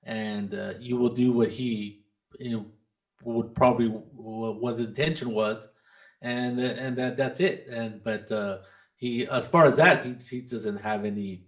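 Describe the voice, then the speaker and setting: A man narrating and refereeing a tabletop role-playing game, pausing often with fillers and restarts. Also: mid-range voice, fairly even intonation. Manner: halting, many fillers and restarts. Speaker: game master.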